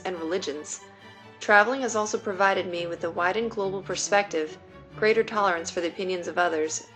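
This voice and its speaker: With a fairly bright tone at medium pitch, a woman in her late twenties reads a personal essay in a careful, deliberate manner. She is from New York City and grew up speaking Mandarin Chinese first.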